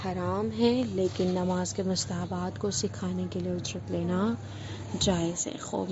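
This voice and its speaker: Woman teaching a religious lesson, dull recording. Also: medium pitch. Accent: Indian Urdu. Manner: explanatory, asks and answers her own questions. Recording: dull lo-fi with faint noise.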